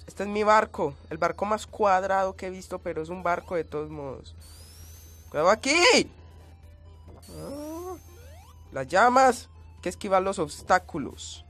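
A man's voice: sits high, fairly bright tone. A man giving gameplay commentary, coughing and sounding changed by a cold, yelping and screaming at in-game hazards. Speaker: let's play gamer.

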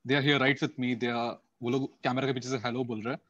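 A man's voice: mid-range voice, flat delivery, rapid-fire, fairly bright tone. A man in his thirties with an Indian accent, casually presenting as a guest over a video call. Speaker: guest artist presenting his team's work. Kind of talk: casual presentation mixing English and Hindi. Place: indoor room on a video call. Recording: dull lo-fi video call audio.

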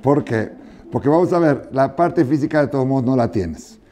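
Teaching an animated Torah lesson full of parables, a man in his sixties speaks at medium pitch and normal speed. He acts out dialogue and keeps asking his audience whether they follow, there in an indoor study hall lined with wooden chairs.

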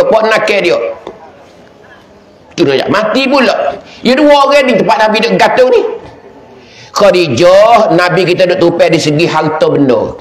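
A male preacher with a Kelantan-Pattani Malay accent tells the sermon as a story, his voice high for a man. He acts out the dialogue dramatically, speaking lower for the quoted words. The sound echoes around the room. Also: fairly bright tone. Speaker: religious teacher.

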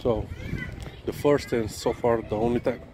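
A dog-walking vlogger talks haltingly while out on a walk, in a casual walk-and-talk monologue, with many fillers like "you know" and "um" and frequent restarts. His voice is mid-range and steady in tone. The camera is held low as he walks, and outdoor noise sits behind his voice.

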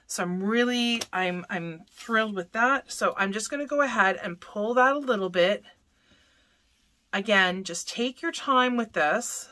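A woman's voice: mid-range voice, pushed and bright, no echo. A woman hosting a papercraft tutorial, chatting through each step as she works and often correcting herself mid-sentence. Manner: chatty, self-correcting, talks while working.

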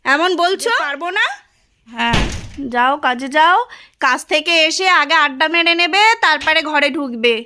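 A woman's voice: high-pitched, lively intonation, normal speed, pauses often, background noise. A middle-aged woman from West Bengal, India, vlogging at home in a casual domestic style and venting her complaints at length in an aggrieved tone. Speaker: vlogger and housewife.

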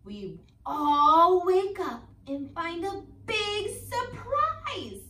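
A preschool teacher in her twenties reads aloud to young children in a very high voice, drawing out her words in an expressive, sing-song way, asking questions and pausing for answers. She's in an indoor classroom, recorded by a camera a few metres away, so the sound is echoey and distant.

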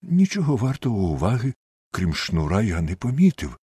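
A man voicing excitable Doctor Watson. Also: on the low side, moderate pace, husky, no echo, clean studio sound, voice pushed up, exaggerated voice. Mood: puzzled. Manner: earnest, exclaiming, astonished questions. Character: Dr. Watson, eager male companion, middle-aged. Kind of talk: audiobook character reading.

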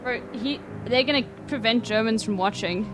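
A woman's voice: on the high side, normal speed, background noise. A woman streaming a game, chatting and reacting casually. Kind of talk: casual live reaction chat. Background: game music.

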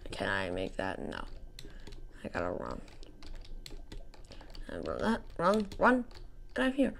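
A woman's voice: very deep voice, huge pitch swings, takes it slowly, creaky, slight background noise. A woman hosting casual gameplay commentary, rambling and self-deprecating, with slightly slurred articulation as if talking with something in her mouth. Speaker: gaming video host. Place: indoors, voice-over at a computer.

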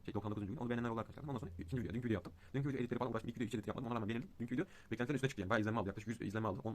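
Fast-rambling young man vlogger. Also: lowish voice, a little mellow. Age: young adult. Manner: rapid rambling with many fillers; agitated ranting. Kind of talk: casual vlog talk. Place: outdoors in cold wind.

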